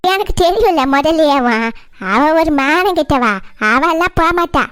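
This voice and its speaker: A spiteful, scheming village woman from a cartoon, voiced by a woman. She speaks with a high, sneering contempt, every line dripping scorn. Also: expressive, normal speed, a bit bright, no room sound. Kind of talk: cartoon voice acting.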